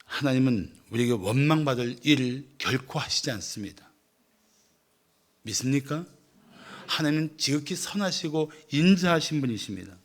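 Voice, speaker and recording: A man's voice: medium pitch, lively intonation, moderate pace. A male pastor preaching a sermon, asking the congregation questions and answering them himself.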